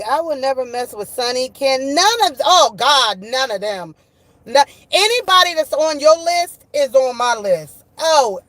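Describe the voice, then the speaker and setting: A woman with a fairly high voice and a dry, close sound talks casually to her livestream viewers. She is gossipy and slangy, swears freely and circles back to repeat phrases for emphasis. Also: a bit bright, no echo. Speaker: online streamer talking with live chat viewers.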